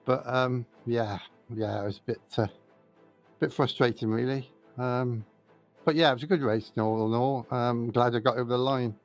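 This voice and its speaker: A man's voice: medium pitch, fairly even intonation, moderate pace, soft background music. A man racing in sim, sweaty after the race, answering interview questions in a self-deprecating way with frequent laughs.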